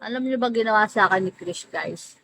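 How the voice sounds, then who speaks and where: A woman's voice: mid-range voice, a little fast, vocal fry, fairly bright tone, a little hiss or hum, rough recording. A woman hosting a casual livestream, teasing viewers by name, laughing often and drawing out names. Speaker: livestream host. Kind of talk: casual live-stream chat greeting viewers.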